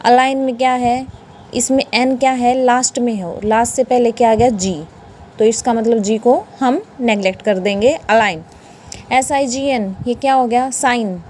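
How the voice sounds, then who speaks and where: A woman's voice: a little high, normal speed, a little mellow, a little hiss or hum. A woman with an Indian accent teaching English pronunciation in a classroom style. She spells words letter by letter and asks questions that she answers herself.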